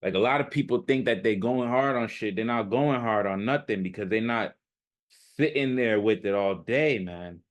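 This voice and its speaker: Speaking on the low side, this man plays a self-help coach delivering an improvised pep talk. He hammers his message home with slangy, laid-back repetition.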